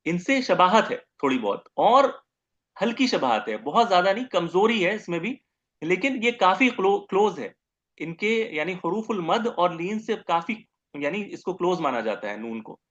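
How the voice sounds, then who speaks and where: A man's voice: high-pitched, a bit bright, lo-fi sound. A man teaching Arabic grammar in a recorded lecture, explaining patiently and drawing out sounds when he demonstrates them.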